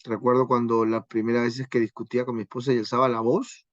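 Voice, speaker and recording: A man's voice: mid-range voice, little pitch movement, quick pace, no room sound, dull audio. A man teaching a Bible class on marriage. He keeps asking rhetorical questions and tagging his points with "¿no?". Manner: asks frequent rhetorical questions with tag "¿no?".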